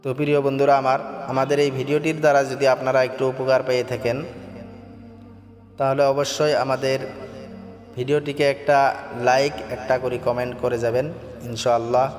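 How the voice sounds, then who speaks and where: A man teaching Quran recitation, chanting each verse slowly and melodically, then explaining it in quick plain speech. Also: medium pitch, level tone. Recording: heavy long reverb with faint music.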